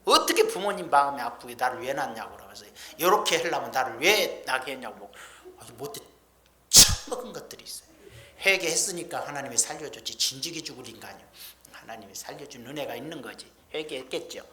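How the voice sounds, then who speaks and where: A woman's voice: a bass voice, expressive, quick pace, hardly any pauses, sharp tone, a little hiss or hum. A woman preacher giving a sermon in a folksy, emphatic storytelling manner, with blunt everyday speech. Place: church sanctuary. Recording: echoey church hall.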